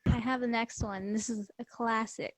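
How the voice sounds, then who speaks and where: A woman's voice: on the high side, fairly even intonation, dry recording. A teenage girl co-hosting a school podcast, chatting casually and setting up quiz questions in an upbeat way. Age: teens. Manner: upbeat, quizzes with quick setups. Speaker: podcast co-host. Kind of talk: casual chat.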